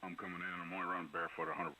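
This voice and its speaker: A man's voice: low voice, little pitch movement, rapid-fire, sharp tone. A man chatting on a ham radio net, his signal breaking up and dropping in and out as he apologizes for his audio. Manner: apologetic, fiddling with his gear. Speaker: amateur radio operator. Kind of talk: casual on-air chat. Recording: distant hissy radio transmission.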